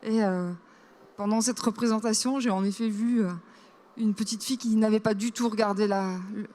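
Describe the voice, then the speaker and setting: A woman's voice: medium pitch, steady tone, normal speed, darkish tone. Careful, self-correcting woman playwright. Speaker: playwright guest. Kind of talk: casual interview answers.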